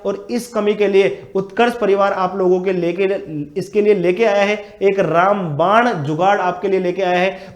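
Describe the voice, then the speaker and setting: High-voiced energetic male coaching teacher. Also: reverberant. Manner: energetic, repetitive, addresses viewers as brothers and friends. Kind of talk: exam strategy lesson with batch promotion.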